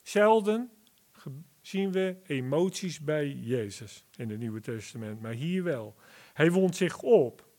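A man preaching a sermon, explaining Bible verses deliberately and rising to emphatic calls at key words. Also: a little high, expressive, a little mellow. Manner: slow, deliberate Bible exposition with emphatic rises.

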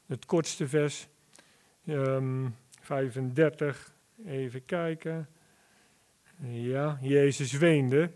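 A man preaching a sermon, explaining Bible verses deliberately and rising to emphatic calls at key words. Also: mid-range voice, darkish tone. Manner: slow, deliberate Bible exposition with emphatic rises.

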